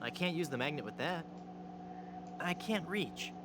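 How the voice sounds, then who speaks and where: An actor playing a hapless, earnest young adventurer and glib bluffer in a cartoon adventure game, theatrical and wry. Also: male voice, on the high side, animated, a little slow, very noisy. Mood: matter-of-fact.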